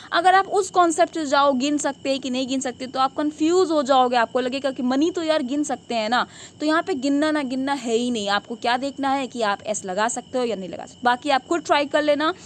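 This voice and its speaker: A woman's voice: sits high, slight background noise. A woman teaching English grammar in a classroom style, asking questions and answering them herself. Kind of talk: classroom lesson.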